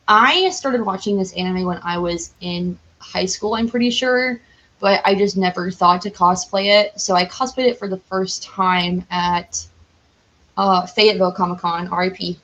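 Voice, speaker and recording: A young woman guesting on a podcast chats casually and eagerly, rambling with frequent use of "like." Her mid-range voice has a fairly bright tone and a measured pace, and the recording is low quality.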